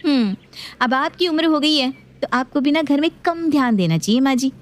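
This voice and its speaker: A woman's voice: sits high, lively intonation, moderate pace, pitched above the performer's own voice. A woman voicing a touchy, defiant young daughter-in-law who argues back indignantly. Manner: indignant, argumentative.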